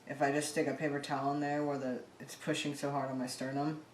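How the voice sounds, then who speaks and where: A man with an American accent chats casually and quickly at home. His speech is informal and conversational. The room echoes, and he sits a little way from the mic with faint noise behind. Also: mid-range voice, little pitch movement, recorded from a distance. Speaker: vlogger recovering from surgery. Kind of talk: casual chat.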